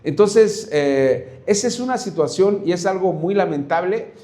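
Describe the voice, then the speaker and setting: A man teaching a Bible study on Proverbs, animated, with frequent fillers and restarts. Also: sits high, measured pace. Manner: animated, acts out shouts and whispers in examples. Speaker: preacher.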